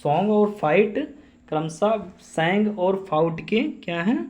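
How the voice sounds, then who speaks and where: A man's voice: sits high, unhurried, darkish tone. A man teaching English grammar, repeating each definition and asking and answering his own questions. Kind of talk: classroom-style grammar lesson.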